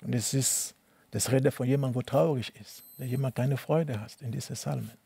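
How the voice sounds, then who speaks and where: Interviewee: man from Cameroon, middle-aged, non-native speaker; rough, dry-sounding voice, halting and repetitive delivery. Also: medium pitch, steady tone, dark tone, no echo. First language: not German. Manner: halting, repeats words, broken German. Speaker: interviewee, tennis coach. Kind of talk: personal testimony interview.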